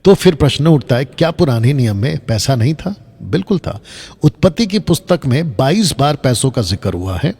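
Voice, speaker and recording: A man's voice: medium pitch, sing-song, moderate pace, creaky, a little mellow, breathy edge, in a large hall. A man teaching Bible lessons over slides, emphatic, repeating his points and asking rhetorical questions. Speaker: Bible teacher on a video channel.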